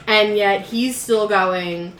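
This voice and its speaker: A woman's voice: medium pitch, slow pace, a bit bright. A woman co-hosting a casual podcast chat, giggling often and rambling through restarts. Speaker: podcast co-host. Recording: echoey room with faint background noise.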